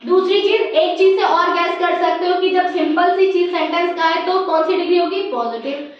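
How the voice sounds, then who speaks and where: A woman with an Indian English accent and a very high voice teaches a grammar class, answering her own questions as she goes. She sounds distant from the mic in a room with a lot of echo. The recording is dull and lo-fi, with faint noise underneath. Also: normal speed. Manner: asks questions and answers them herself, calls listeners child. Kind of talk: classroom lesson.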